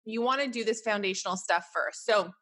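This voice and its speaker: A woman's voice: medium pitch, brisk, a bit bright. Chatty Canadian woman podcast host. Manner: chatty, encouraging, many fillers like "like" and "right?". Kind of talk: casual solo podcast.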